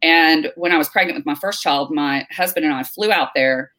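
Chatty middle-aged woman, lower voice. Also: moderate pace. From North Carolina, US. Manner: lively storyteller, many fillers and restarts. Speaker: guest. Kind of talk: casual interview chat.

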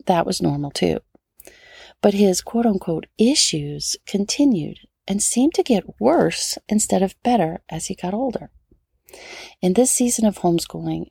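A middle-aged woman, a homeschooling mother and former teacher, gently and earnestly reading her own memoir aloud. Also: mid-range voice, gravelly, breathy edge, no echo, clean studio sound.

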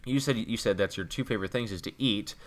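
A man's voice: fairly low pitch, fast. A man co-hosting a podcast in casual comedic chat, joking and opinionated, with long rambling asides. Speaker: podcast co-host.

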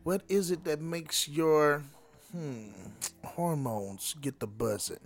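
Slow-talking man hosting a late-night panel. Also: on the high side, expressive, vocal fry, faint music behind. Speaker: podcast host.

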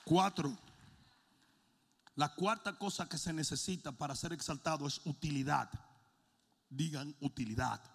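Gravelly, high-voiced preacher man. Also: a little slow, long pauses, big-room sound. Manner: animated storytelling, swings from low asides to shouting; mixes in English words. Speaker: pastor. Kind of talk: sermon with a comic story.

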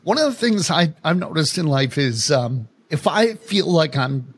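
A man's voice: a little high, very animated, unhurried, breathy edge. A man hosting an interview, asking questions in a hesitant, searching way. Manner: short backchannels, hesitant questions. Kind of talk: casual interview talk.

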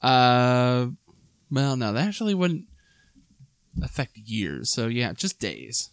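A man on a podcast thinking aloud and correcting himself. His pitch swings a lot. The recording is dry and close. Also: sing-song, takes it slowly, dry recording. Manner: explaining, hedging, thinking aloud. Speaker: podcast co-host. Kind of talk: casual chat.

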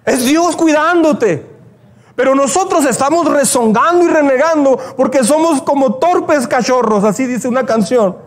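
A man's voice: very high-pitched, normal speed. A male pastor, preaching a sermon and telling stories, acting out the prayers he quotes.

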